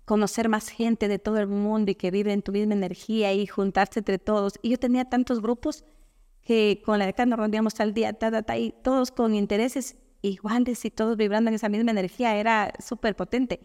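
Una mujer de Ecuador, invitada en una entrevista informal, que cuenta anécdotas con animación y recrea diálogos. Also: female voice, mid-range voice, brisk, clean tone, big-room sound. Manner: animated storyteller, quotes others in dialogue. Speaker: guest. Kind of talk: casual conversational interview.

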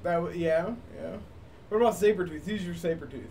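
A woman's voice: fairly low pitch, a little fast, distant mic, background noise. A woman in casual podcast chat who laughs often and keeps the conversation going with questions.

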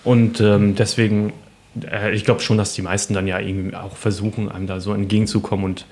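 Low-voiced rambling man chatting. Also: flat delivery, a little fast, a little mellow, slight background noise. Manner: rambling, many fillers like irgendwie and halt. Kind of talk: casual chat.

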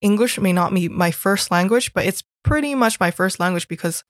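A young Hong Kong woman, a guest on the show, casually recalls her school days in a chatty storytelling way, dropping "like" constantly. Her mid-range voice is expressive and brisk, recorded cleanly in a studio with no echo.

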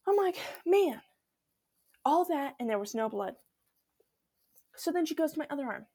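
Young woman, podcast host, animated storytelling, slightly high voice, dry close sound. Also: fairly quick, no room sound. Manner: animated, chatty, dramatic retelling. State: sick with strep throat. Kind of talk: casual solo storytelling.

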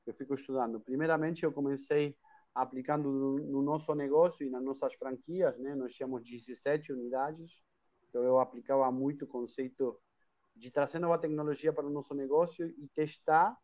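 In lo-fi sound, a mid-range, steady, darkish male voice speaks briskly in Spanish with an Argentine accent. The Argentine hostel chain owner is a guest in a live online interview, chatty and prone to restarts and tag questions.

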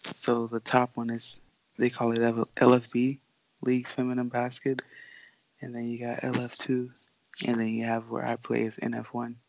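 This young woman has a bass voice, creaky and a little mellow, delivered completely flat at a moderate pace. A professional basketball player from the Bahamas raised in Florida, she chats casually on a podcast, relaxed and laughing often. The recording is dry and the audio poor.

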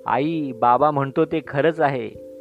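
A man's voice: medium pitch, slow. Cheeky college girl, as a man puts her on. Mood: teasing. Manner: playful, mocking, drops into filmy Hindi lines. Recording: dull lo-fi sound with faint music.

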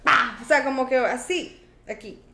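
A young Venezuelan woman spins playful anecdotes in a casual podcast chat, sprinkling in English phrases. Her voice is slightly high and carries a roomy echo. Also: unhurried, creaky, bright, forceful tone. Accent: Venezuelan Spanish. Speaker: podcast co-host.

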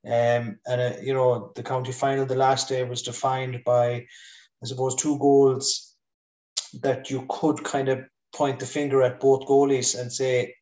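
A man with a west of Ireland accent talking sport casually as a pundit, halting and thinking aloud. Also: mid-range voice, level tone, warm tone. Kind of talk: casual Gaelic football discussion. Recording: roomy echo, distant from mic.

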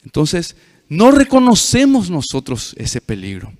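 A man's voice: high-pitched, huge pitch swings, unhurried, big-room sound. A male pastor preaching to a youth meeting, telling a story with frequent questions to the audience.

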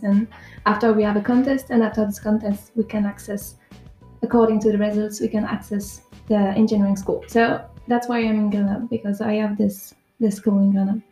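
A woman's voice: medium pitch, mellow. A woman in her early twenties from France, with a French accent, answering casually and hesitantly as a radio guest. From south of France. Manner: hesitant, searching for words. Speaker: volunteer guest on a radio show. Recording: roomy echo, faint music behind.

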